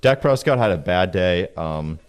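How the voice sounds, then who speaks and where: A man's voice: low-pitched, expressive, normal speed, smooth. A young man in casual sports chat, rattling off player stats with lots of fillers and an occasional voice crack. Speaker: co-host.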